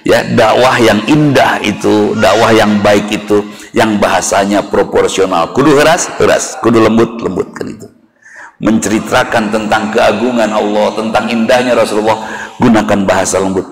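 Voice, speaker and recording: A man with a Sundanese accent preaching a sermon in a mosque, lively and animated, acting out little dialogues with rising intonation. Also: lowish voice, moderate pace, faint music behind. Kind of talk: Islamic sermon.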